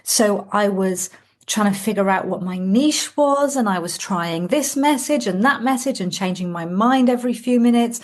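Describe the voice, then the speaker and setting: A woman's voice: medium pitch, expressive, normal speed. A woman from Wales, a sales coach, telling her story as a guest on a video call in a reflective way. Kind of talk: casual interview on a call.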